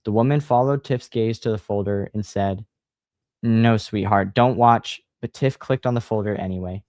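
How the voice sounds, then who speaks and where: A man hosting a livestream, chatting casually and reading a horror book aloud in a relaxed, sighing manner. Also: fairly low pitch, a little fast, no echo, clean studio sound. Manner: relaxed, sighing, laid-back.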